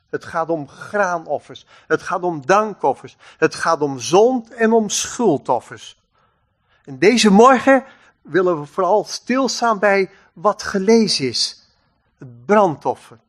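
Slow, high-voiced male preacher. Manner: slow, measured preaching with dramatic pauses. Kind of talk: sermon.

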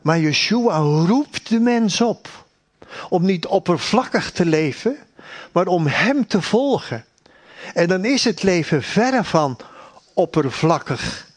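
Man, preacher, sermon, high voice, slow and deliberate, earnest, repetitive phrasing.

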